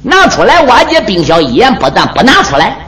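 A man voicing a brash, gruff short young warrior who loudly demands his weapon, in a traditional storytelling performance. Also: high-pitched, wildly swooping pitch, fast, full character voice. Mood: accusing. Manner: blustering, loud, accusing. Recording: music playing behind.

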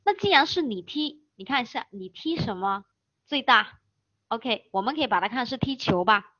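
A woman teaching English vocabulary, slowly spelling words letter by letter and repeating key terms. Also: fairly high pitch, animated, pushed and bright, no echo. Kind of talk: vocabulary lesson. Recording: dull, dry close recording.

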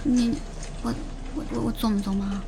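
A woman voicing an excitable, quick-tempered colleague in a fan audio drama. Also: fairly high pitch, gravelly, background noise. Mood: exasperated.

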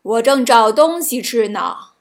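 Lady putting on a big gullible tiger, loud, slow storybook talk. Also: a little high, animated. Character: big male tiger, gullible and hot-tempered.

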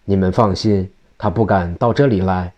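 A boastful, evil old Taoist demon speaks in a low, dark voice full of scorn, put on by a male storyteller. He threatens his enemy with proud certainty. It is a storybook villain from a traditional tale. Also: steady tone, normal speed, muffled recording, close to an everyday voice. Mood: haughty.

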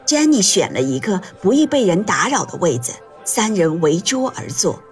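A woman narrates an audiobook in a gentle, measured way. Her pitch moves lively across each sentence. Faint music plays underneath her voice. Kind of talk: scripted narration.

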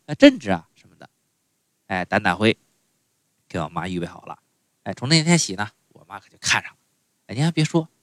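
A man's voice: medium pitch, a bit bright, dry recording. A man performing a stand-up comedy monologue, chatty and full of fillers and asides to the audience.

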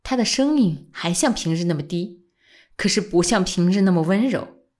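A woman narrating a novel aloud in calm storytelling. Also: on the low side, normal speed. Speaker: audiobook narrator. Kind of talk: novel reading.

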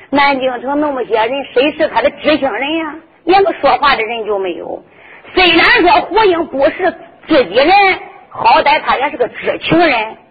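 A woman narrating a traditional story in a lively, dramatic way. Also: sits high, husky. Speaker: folk storyteller. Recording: dull lo-fi with music behind.

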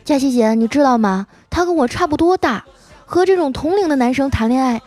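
A woman's voice: normal speed, dry recording. A woman voicing a giddy, dramatic young female coworker in a comic story. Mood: dreamy. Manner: excited, high and exaggerated.

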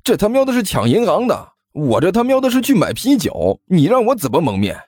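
Exasperated young man, shouting, panicky, man reading; wildly swinging pitch. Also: wildly swooping pitch, fairly quick, no room sound, studio quality, heavily acted. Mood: indignant. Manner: yelling, panicked.

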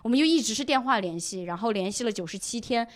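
Fast-talking young woman telling a story. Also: on the high side. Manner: animated storyteller who acts out quoted lines. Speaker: podcast guest. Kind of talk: casual chat, storytelling.

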